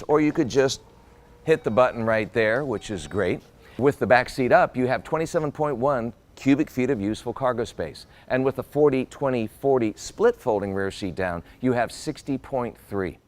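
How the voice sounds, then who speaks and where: A man walking around a car and talking it up. His voice sits at an ordinary middle pitch, and he has a bright, joking, salesman-like way of pitching the features. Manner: jokey, upbeat salesman-like delivery. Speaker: car reviewer. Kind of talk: car review walkaround.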